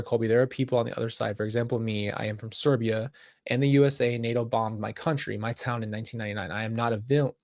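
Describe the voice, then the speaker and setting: A man's voice: medium pitch, dry recording. A man in a dry, close-sounding recording, talking earnestly to his viewers. He gives casual commentary as host of a reaction video. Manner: earnest, talks straight to viewers and chat.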